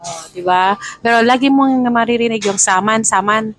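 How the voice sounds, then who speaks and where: A woman's voice: fairly high pitch, brisk, background noise. A woman from the Philippines chatting casually as she explains travel phrases, laughing at her own confusion and mimicking vendors' calls.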